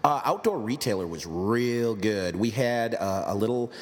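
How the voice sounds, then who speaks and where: A man with a low voice chats as a podcast host, rambling and cracking jokes at his own expense. His voice carries a long reverb tail. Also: expressive, unhurried. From United States. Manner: joking, rambling, self-deprecating. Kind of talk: casual podcast chat.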